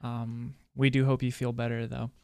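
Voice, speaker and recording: Smooth-voiced easygoing male podcast host. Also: medium pitch, level tone, normal speed, a little mellow, no echo, studio quality. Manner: easygoing, teasing, with many ums and restarts. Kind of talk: casual interview.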